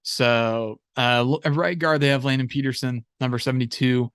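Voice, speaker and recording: A man's voice: mid-range voice, fairly even intonation, normal speed, a bit bright, smooth, dry recording, studio quality. A young man co-hosting a football podcast, talking casually and sarcastically with lots of fillers. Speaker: podcast co-host.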